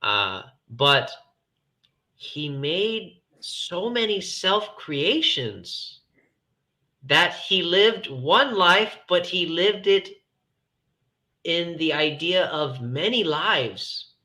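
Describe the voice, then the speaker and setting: A man's voice: a little high, sing-song, extremely slow, sharp tone. A man talking personally and reflectively in casual conversation, earnest and emphatic, often repeating phrases.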